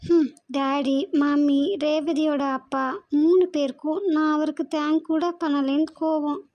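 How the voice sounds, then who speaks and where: A woman voicing a very high, earnest young wife. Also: level tone, measured pace, darkish tone, dry recording. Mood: tender, longing. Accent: Kongu Tamil. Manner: pleading, questioning. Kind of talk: cartoon voice acting. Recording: dull dry lo-fi recording.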